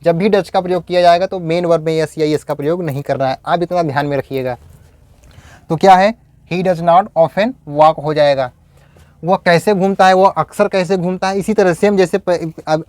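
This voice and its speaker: A man teaching English in a video lecture, explaining step by step and saying example sentences slowly. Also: on the high side, a little mellow, dry recording.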